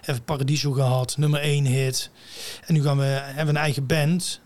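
A man's voice: medium pitch, level tone, a little fast, a little mellow. A man telling a story in casual conversation, blunt and swearing freely, acting out the other people's voices. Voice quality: rough singing voice. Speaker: guest, singer-songwriter.

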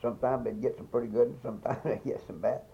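Creaky-voiced very old Appalachian man reminiscing. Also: mid-range voice, steady tone, fast talker. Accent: Southern Appalachian. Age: elderly. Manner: folksy, rambling and repetitive, like a very old man reminiscing. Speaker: interviewee recalling local past. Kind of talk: informal oral-history storytelling. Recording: dull, muffled field recording.

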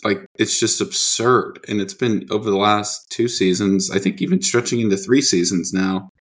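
Low-ish voiced guy on a sports pod, blunt and kinda glum, lots of likes. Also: normal speed, a bit bright. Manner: blunt and glum, filler-heavy. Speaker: podcast co-host. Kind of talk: casual sports podcast chat.

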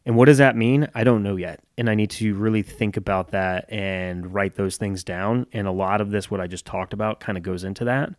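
Low-voiced man musing in a dry close mic. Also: steady tone, brisk, few pauses, dry recording. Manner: candid, self-reflective, joking with occasional swearing. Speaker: podcast host and gym owner. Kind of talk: solo casual podcast monologue.

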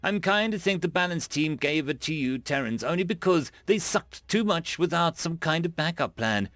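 Playful taunting young woman in an audiobook, voiced by a man, a bit higher, cocky. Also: expressive, moderate pace, fairly bright tone, no room sound.

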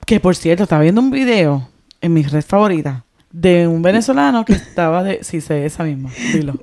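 A woman's voice: lowish voice, lively intonation, fairly quick, a little mellow. A woman co-hosting a podcast, chatting casually and retelling stories with animation. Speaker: podcast co-host. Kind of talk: casual chat.

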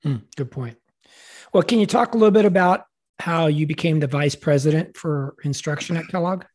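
A man's voice: a little high, normal speed, a little mellow. A man interviewing a guest, asking brief prompting questions. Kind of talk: interview conversation.

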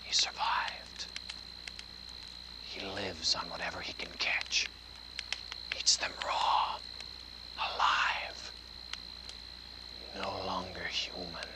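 A whispered campfire horror tale. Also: male voice, low-pitched, flat delivery, very slow, pauses often, low-quality recording. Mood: hushed ominous. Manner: hushed whispering building to shouted climaxes. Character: adult man telling a campfire horror story to kids. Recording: film audio with background noise.

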